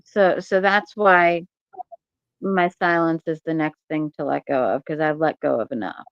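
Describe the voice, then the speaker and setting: Reserved, lower-pitched woman, slightly dull sound. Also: steady tone, moderate pace, clean tone, dry recording. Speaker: podcast guest. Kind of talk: casual conversation.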